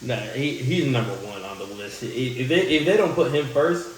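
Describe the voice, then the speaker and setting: A man's voice: mid-range voice, brisk, far from the mic. A man hosting a reaction video, talking casually with lots of fillers. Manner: relaxed, conversational, many fillers. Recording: echoey room with faint noise.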